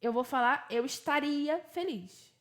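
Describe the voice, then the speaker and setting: A woman with a fairly high voice gives a relaxed English lesson. She speaks at an unhurried pace and moves easily between explanations and English example sentences. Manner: chatty, switches between Portuguese and English examples. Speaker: English teacher. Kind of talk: casual bilingual lesson.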